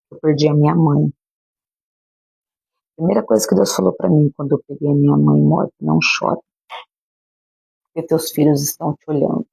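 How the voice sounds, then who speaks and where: Brazilian woman pastor preaching on a live stream, husky gravelly voice, dark and warm tone. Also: low-pitched, no echo, poor audio. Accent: Brazilian Portuguese. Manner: earnest, emphatic preaching with direct address to listeners. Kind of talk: livestreamed sermon. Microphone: phone or webcam livestream.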